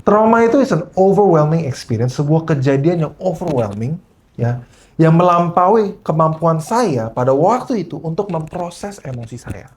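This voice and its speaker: A man's voice: fairly high pitch, normal speed. A man preaching a sermon at a church service, switching into English phrases and often checking in with the congregation as he tells stories. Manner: animated storyteller.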